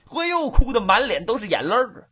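A man telling a folk tale in an animated, rhythmic oral storytelling style. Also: extremely high pitch, fairly quick, breathy edge.

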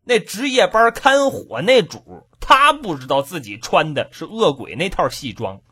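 A man telling a traditional comic story in a lively, dramatic, rhythmic way. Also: sits high, unhurried, husky.

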